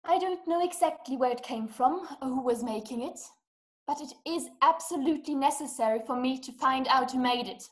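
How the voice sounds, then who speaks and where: Over a webcam video call from a small, dim room at home, a young adult woman with a high voice performs a stage-play role at a fairly quick pace, lightly acted. Her character is an invalid wife who is distraught, imperious, self-pitying, desperate, and impatient, voiced with dramatic, emphatic, formal diction.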